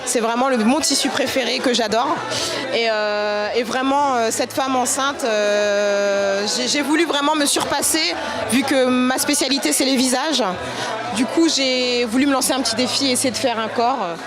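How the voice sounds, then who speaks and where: A woman in her thirties from France, a painter calmly presenting her own work in a casual, reflective way. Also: high-pitched, moderate pace, music in the background. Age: 30s. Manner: reflective, searching for words.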